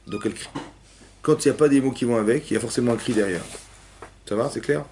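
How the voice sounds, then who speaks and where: Animated man teaching a class. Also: medium pitch, quick pace, slight background noise. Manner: animated, asks questions, acts out cries and quotes. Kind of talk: lively torah class, questioning students. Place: synagogue hall with young women students.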